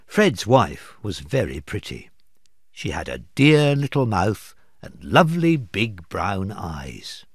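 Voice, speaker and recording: A man, an English teacher, reading a storybook aloud slowly and expressively for learners. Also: lowish voice, very animated, husky, dry recording, studio quality.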